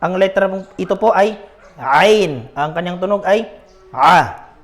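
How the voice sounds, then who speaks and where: A man's voice: high-pitched, normal speed. A man teaching a beginner Arabic lesson, patiently repeating each letter sound and checking in with his students.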